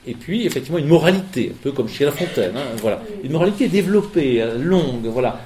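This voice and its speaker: A male teacher reading a fairy tale aloud with an expressive, animated delivery, then lecturing about it. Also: medium pitch, quick pace, roomy sound, a little hiss or hum.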